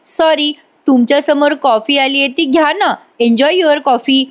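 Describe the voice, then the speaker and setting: A woman reading as a polite young café waitress who keeps apologizing. The voice is high and soft-spoken, barely shifted from her own. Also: unhurried. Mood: apologetic.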